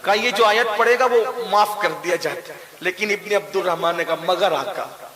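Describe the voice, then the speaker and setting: A man's voice: high voice, a crowd in the background. A man preaching a sermon, telling a story with passion and rising to emphatic cries. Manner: impassioned, rises to emphatic cries. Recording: echoey hall with long reverb.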